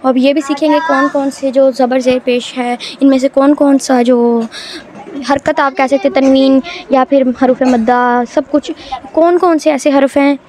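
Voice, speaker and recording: A woman teaching Quran reading in a home video lesson, explaining step by step and drawing words out slowly. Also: high-pitched, fairly even intonation, darkish tone.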